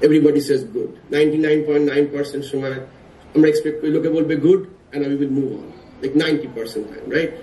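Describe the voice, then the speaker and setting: Middle-aged male author, halting delivery with many fillers, fairly high voice, heard from afar. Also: steady tone, warm tone. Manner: hesitant, with frequent uh and ah fillers. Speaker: author at his book launch. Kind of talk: personal talk mixing Bengali and English. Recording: echoey room, distant mic, some noise.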